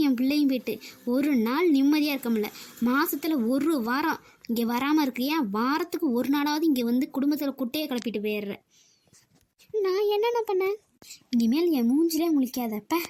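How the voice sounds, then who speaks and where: A woman's voice: high-pitched, fairly quick, darkish tone, close to an everyday voice. A woman voicing an exasperated grown son in a family skit, bitter and reproachful.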